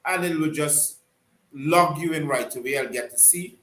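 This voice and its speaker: A man hosting a live online call-in talk show, courteous and unhurried, often trailing off and restarting. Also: on the high side, a bit bright. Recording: roomy echo.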